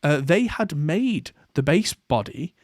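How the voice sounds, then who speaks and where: A man's voice: a little high, sing-song, slow, no room sound, clean studio sound. Chatty man hosting a podcast. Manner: rambling, with many fillers and restarts. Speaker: podcast host. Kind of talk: casual chat.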